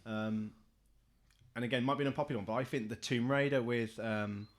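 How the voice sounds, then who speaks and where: A man's voice: mid-range voice, steady tone, brisk. A man, co-hosting a podcast and giving enthusiastic opinions on films in casual chat. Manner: chatty, enthusiastic film opinions. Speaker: podcast co-host.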